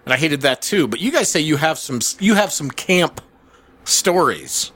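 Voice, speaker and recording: A man's voice: fairly high pitch, big pitch swings, normal speed, a bit bright. A man hosting a casual podcast chat, swearing freely and throwing in playful interjections. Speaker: podcast host.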